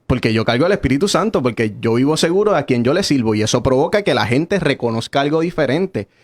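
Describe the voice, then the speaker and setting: A Puerto Rican man speaking as a guest pastor on a radio interview, earnest and preachy in a quick flow. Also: medium pitch, animated. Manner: earnest, preachy, fast-flowing.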